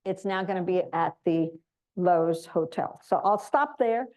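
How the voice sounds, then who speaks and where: Speaking informally to an audience, a woman representing an association's global programs runs through a set of announcements. Her voice sits on the low side, with a darkish tone and a slightly slow pace.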